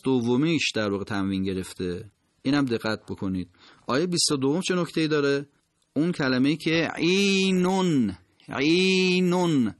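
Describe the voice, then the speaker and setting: A man gives a recitation lesson in a voice of middling pitch. He explains each point and then sings out single words slowly, stretching the vowels. The sound is dry and close, with no room around it. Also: dry recording. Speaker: Quran recitation teacher.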